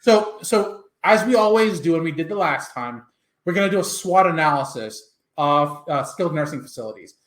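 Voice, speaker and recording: A man's voice: fairly high pitch, animated, fairly bright tone. Upbeat male podcast host, echoey room. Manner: upbeat, quick questioning with restarts. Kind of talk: podcast interview.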